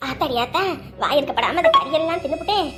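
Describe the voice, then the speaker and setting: A woman playing an older mother-in-law who groans and wails in pain, with a sharp tongue, in a serial-style drama. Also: high-pitched, fast talker, over music, close to an everyday voice. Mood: groaning. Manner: moaning, wailing, sharp-tongued. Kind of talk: TV serial acting.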